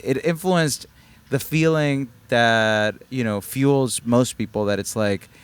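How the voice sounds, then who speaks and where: A man's voice: mid-range voice, slow, clean tone, no room sound. A man from Argentina, a musician guest telling stories eagerly in a casual interview, often restarting his sentences. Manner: eager storyteller with frequent restarts. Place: rooftop in the open air.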